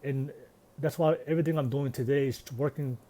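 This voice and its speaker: A man's voice: mid-range voice, fairly even intonation, a little fast, warm tone. A man, talking earnestly and reflectively in a casual personal vlog. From Tonga. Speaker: vlogger.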